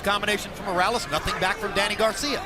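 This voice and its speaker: A man calling a boxing match live as play-by-play commentator, with punchy, clipped calls and measured analysis. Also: high voice, fairly even intonation. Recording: loud arena crowd and noise behind.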